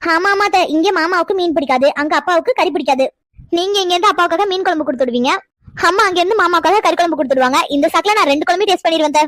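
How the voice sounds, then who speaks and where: A woman's voice: very high voice, very fast, a bit bright, dry recording, clean studio sound. A woman voicing a cheerful, eager young village girl in a cartoon, chatty and sweet. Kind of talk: cartoon voice acting.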